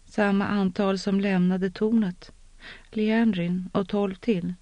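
A narrator voicing a frightened young woman who speaks softly and half-whispered, in an audiobook reading on a dull, lo-fi recording. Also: medium pitch, level tone, no echo, close to an everyday voice. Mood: shaken. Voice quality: soft, shaken, half-whispered.

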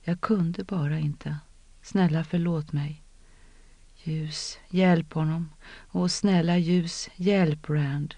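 A narrator voicing Egwene, soft and shaken. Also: medium pitch, steady tone, dry recording, lo-fi sound, lightly acted. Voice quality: soft, shaken, half-whispered. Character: frightened young woman. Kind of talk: audiobook character reading.

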